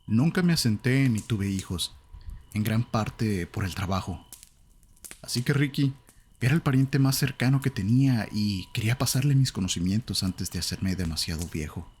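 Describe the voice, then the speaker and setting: Male narrator, low voice, Latin American Spanish accent, calm measured horror storytelling, faint hiss in the recording.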